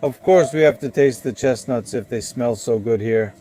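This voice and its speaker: A man's voice: mid-range voice, moderate pace, warm tone, a little hiss or hum. A man chatting casually through a travel vlog, walking city streets and later driving, filmed on a handheld phone. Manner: chatty, narrating while walking and eating. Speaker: travel vlogger.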